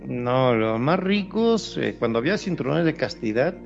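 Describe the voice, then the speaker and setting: A man's voice: mid-range voice, sing-song, normal speed, vocal fry. A man hosting a casual radio chat in a jokey, repetitive manner. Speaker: radio show host. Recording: dull lo-fi online radio with music. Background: music.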